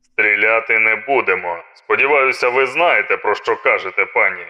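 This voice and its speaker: A man's voice: lowish voice, normal speed, bright, forceful tone. A man voicing a stern male police commander barking orders through a megaphone, in an audiobook narration. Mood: commanding. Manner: barked commands. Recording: dull megaphone sound.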